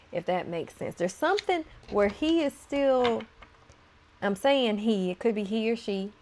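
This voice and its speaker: A woman tarot reader with a medium-pitched, darkish voice and vocal fry chats playfully with her viewers while turning cards, laughing between points.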